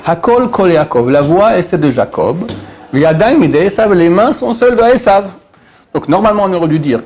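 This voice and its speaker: Animated man teaching a Torah lesson. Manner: animated, swinging from low murmurs to high exclamations, quizzes listeners. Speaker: rabbi.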